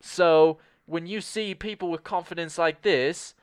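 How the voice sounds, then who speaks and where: In an improv comedy scene, a man plays a cocky, clueless American pitching a spy movie, rambling brashly and talking over others. His smooth, lightly acted delivery is a little slow, and the recording has no echo.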